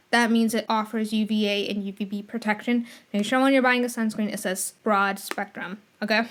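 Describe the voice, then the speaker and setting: A woman hosting a casual solo podcast, chatty and rambling, with a slight lisp from a retainer, correcting herself as she goes. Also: fairly high pitch. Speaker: podcast host.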